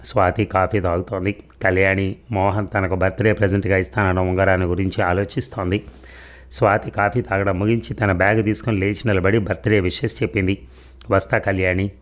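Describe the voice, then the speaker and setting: A man narrating a serial audio story in a steady storytelling manner. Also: sits low, brisk.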